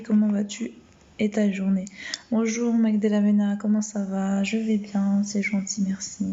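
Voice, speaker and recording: Soft, warm-voiced woman on a muffled live stream. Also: medium pitch. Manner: hesitant, with many fillers and restarts. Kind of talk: casual live-stream chat and Bible reading. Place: at home, late at night.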